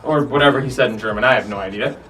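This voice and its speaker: A man's voice: mid-range voice, very fast, distant mic, poor audio. A man hosting a soccer countdown show, commenting casually and animatedly on footage, swearing freely. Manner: animated, profane, acts out players' lines.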